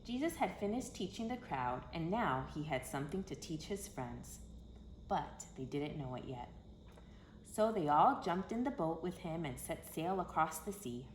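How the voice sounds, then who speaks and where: A storyteller for children reads a picture book aloud in a low, very animated voice at normal speed. Her phrasing is expressive, dramatic, and emphatic, recorded in an echoey room with faint background noise.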